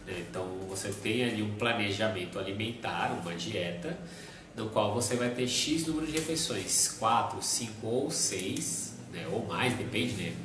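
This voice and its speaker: A man co-hosting a live stream, explaining step by step with everyday examples in a relaxed chat. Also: lowish voice, normal speed. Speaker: nutrition live stream co-host. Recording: very echoey room, mic at a distance, background noise.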